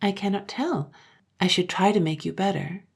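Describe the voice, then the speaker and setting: A woman voicing a gentle, sorrowful mother who speaks softly and slowly. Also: medium pitch, gravelly, husky, voice pushed up. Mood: tender. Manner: soft and slow.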